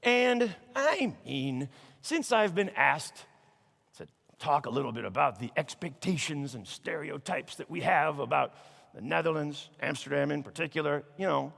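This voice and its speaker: Animated comic man in a reverberant hall. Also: on the high side, vocal fry. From Chicago, United States. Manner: animated, mock-outraged punchlines. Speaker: keynote comedian. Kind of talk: comedic keynote speech. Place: large conference hall.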